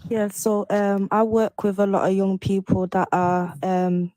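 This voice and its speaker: A woman's voice: medium pitch, little pitch movement, a little slow, warm tone, dry recording. A woman who works with young people, speaking hesitantly on a group call while her audio keeps glitching and cutting out. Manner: hesitant, starting and restarting. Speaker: youth worker calling into a live audio chat. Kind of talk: casual chat on a group call. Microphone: phone or laptop on a group audio call.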